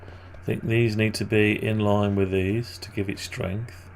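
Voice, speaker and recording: A man with a groggy, gravelly morning voice and vocal fry endings, giving casual, hesitant think-aloud commentary on his screen work. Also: on the low side, little pitch movement, measured pace, a little hiss or hum. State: groggy morning voice, clearing throat. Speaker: maker narrating a design tutorial.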